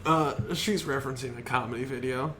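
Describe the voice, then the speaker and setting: A man, co-hosting a casual podcast chat, slow and hesitant with many fillers. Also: medium pitch, fairly even intonation, bright, forceful tone, slight background noise. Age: 20s. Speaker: podcast co-host.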